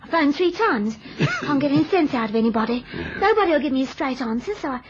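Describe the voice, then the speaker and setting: A woman's voice: sits high, animated, fast talker, noisy background. An actress playing a determined young working-class girl in a vintage radio drama. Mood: defiant. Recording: dull lo-fi old radio recording.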